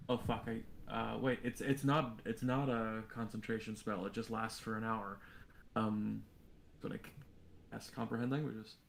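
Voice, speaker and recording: A man playing in a tabletop game, talking in halting bursts with many fillers and the odd curse. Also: lowish voice, gravelly, a little hiss or hum. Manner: halting, lots of fillers and restarts, swearing. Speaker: player. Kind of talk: casual tabletop game chat.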